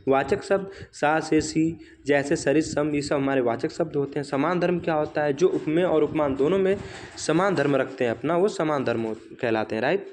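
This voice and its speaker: A man with a slightly high voice teaches an exam revision class. He poses rhetorical questions and answers them himself, and keeps checking with "right?". He slows right down whenever he recites an example line. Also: darkish tone, slight background noise.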